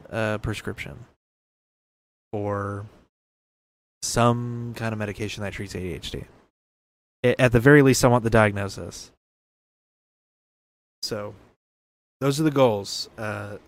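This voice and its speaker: A young man in his early twenties hosting a casual solo podcast, rambling and correcting himself, laughing at his own remarks. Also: on the low side. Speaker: podcast host.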